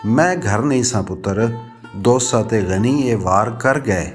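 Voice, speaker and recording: A man reading a novel aloud, voicing a young villager just out of jail who speaks slowly in a trembling, angry voice. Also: fairly low pitch, animated, soft background music. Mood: shaken. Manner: trembling, slow. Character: young villager freed on bail, angry and shaken.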